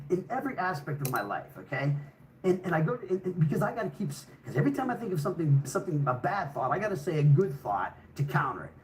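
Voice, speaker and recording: A man's voice: a little high, darkish tone, slight background noise, low-quality recording. An older man telling a personal story in a casual, rambling way, swearing heavily and restarting sentences.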